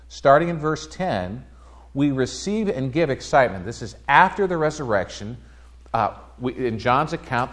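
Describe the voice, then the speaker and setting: A man preaching a sermon in a church, telling a story conversationally with lively quoted voices. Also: mid-range voice. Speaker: pastor. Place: church sanctuary.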